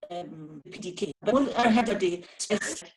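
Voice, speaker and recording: A woman's voice: on the low side, animated, moderate pace. A woman asking a question over a video call whose audio keeps glitching and breaking up; she speaks hesitantly and apologetically, with many restarts. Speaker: audience member asking a question.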